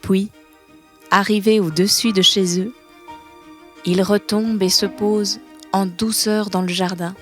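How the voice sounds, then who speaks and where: A woman reading a children's storybook aloud, softly and expressively. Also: mid-range voice, steady tone, measured pace, pauses often, faint music behind.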